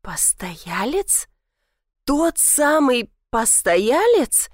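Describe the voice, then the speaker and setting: A woman's voice: high-pitched, sing-song, extremely slow, no echo, studio quality, voice pushed up, exaggerated voice. Woman playing an indignant young city girl. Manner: indignant, snappy.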